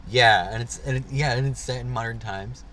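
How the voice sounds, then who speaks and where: His mid-range voice is brisk and sharp-toned, with a slight hiss or hum in the recording. He's a young man co-hosting a podcast from a parked car, chatting casually and rambling full of fillers.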